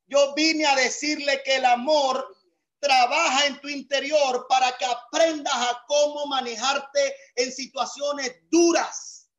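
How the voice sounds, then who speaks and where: A male pastor preaching a sermon over a video call, emphatic and swelling into shouts. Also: very high-pitched, fairly even intonation, takes it slowly, muffled recording.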